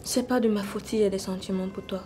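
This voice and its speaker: A woman with a Cameroonian French accent playing a scheming cousin who softly tries to seduce a married man. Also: medium pitch, fairly even intonation, fast talker, slight background noise, close to an everyday voice. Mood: seductive. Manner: soft, coaxing, seductive.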